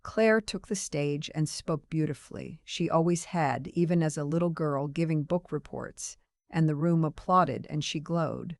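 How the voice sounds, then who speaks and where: A woman in her sixties telling her own story in scripted first-person narration, calm and understated. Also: low voice, a little slow, no echo, studio quality. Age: 60s.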